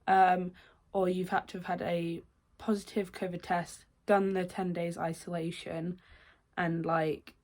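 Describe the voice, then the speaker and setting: A young woman, vlogging in casual chat, her voice slightly croaky and nasal from a cold, rambling with many restarts. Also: fairly low pitch, a little mellow. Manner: rambling, with many fillers and self-corrections. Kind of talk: casual chatty vlog talk.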